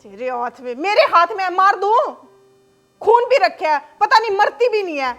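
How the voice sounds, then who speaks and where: A cruel, arrogant daughter-in-law, played by a woman, scolds and sneers in a harsh, contemptuous voice. Her pitch sits very high and shrill. Faint music plays behind her in this drama sketch. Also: moderate pace, bright, forceful tone. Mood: scornful.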